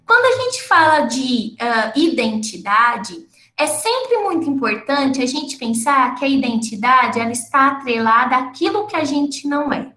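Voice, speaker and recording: Her voice is high and sharp, swinging widely in pitch at an unhurried pace, though the audio is poor and the room echoes. This woman, a lecturer and researcher who has completed her schooling and comes from somewhere other than the event's city, gives teachers a stepwise academic lecture full of tag-question check-ins.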